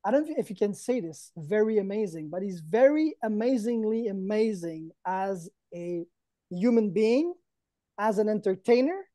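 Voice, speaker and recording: This event co-host, a man aged somewhere in his thirties or forties, keeps up casual, playful banter with a mock-earnest edge over a video call, seated indoors before a green backdrop. The high voice moves at normal speed with lively intonation and a mellow quality, recorded in a clean studio with no echo.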